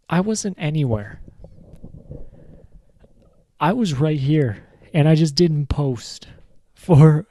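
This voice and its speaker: Man, podcast host, rambling and joking, slow unhurried delivery, somewhat high voice, dry close sound. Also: warm tone, no room sound. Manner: rambling, joking, swears casually. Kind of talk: casual solo rant.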